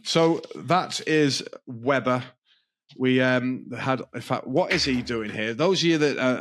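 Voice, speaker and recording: A man's voice: medium pitch, no room sound. A man co-hosting a podcast, telling rambling, self-deprecating stories in casual chat. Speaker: podcast co-host. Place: indoor podcast studio, filmed.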